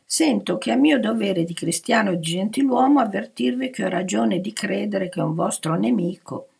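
An anxious, dutiful gentleman, put on by a reader in an audiobook, pressing an earnest warning. The voice is deeply gravelly and very husky, lifting a little higher than the narration. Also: animated, moderate pace, full character voice.

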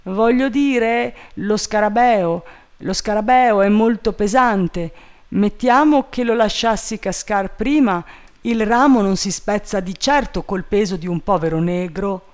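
A man voicing an eager, simple-minded male servant calling down from a tree, in a high, drawling, plaintive voice. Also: measured pace, clear, resonant tone.

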